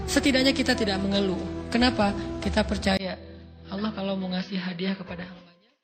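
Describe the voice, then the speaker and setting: A man's voice: sits high, flat delivery, fairly quick, big-room sound. A man giving a conversational sermon, playful at times, with emphatic rising stresses. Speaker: preacher. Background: background music.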